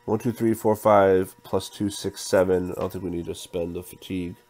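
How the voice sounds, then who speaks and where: Deep-voiced man narrating a board game. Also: fairly even intonation, normal speed. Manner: counts dice out loud, thinks through moves. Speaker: tabletop game player narrating a playthrough. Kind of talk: casual play-by-play, reading game text aloud.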